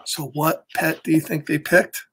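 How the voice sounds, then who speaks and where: This children's story time is hosted by a middle-aged American man who reads a picture book with chatty asides, animated and exaggerated. He speaks a little high at normal speed, with slight background noise in his small home office.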